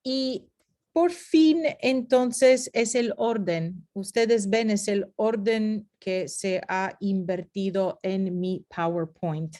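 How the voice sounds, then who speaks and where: A woman's voice: mid-range voice, takes it slowly, dark tone. A woman teaching a phonetics lesson over slides, explaining step by step and slipping into short English asides. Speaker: Spanish teacher.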